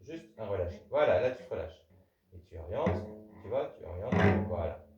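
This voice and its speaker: Over music in a rehearsal hall, a man with a voice on the low side teaches a cello master class at a moderate pace. He corrects the student often with a repeated "non" and animatedly sings the bow rhythms. The recording is dull, roomy and distant, with loud cello.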